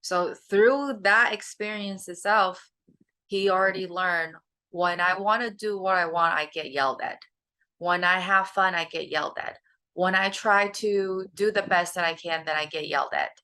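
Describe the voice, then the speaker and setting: A woman hosting a motivational self-help talk. Her voice sits low yet sounds crisp and bright, and she speaks earnestly, leaning on key words. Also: normal speed. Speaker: host, life coach.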